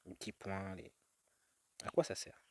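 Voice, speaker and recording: A man's voice: low-pitched, normal speed, slight background noise. Rambling, musing man thinking aloud outdoors. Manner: musing, drifting, many fillers and restarts. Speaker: vlogger. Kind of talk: rambling reflective monologue. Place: outdoors in nature.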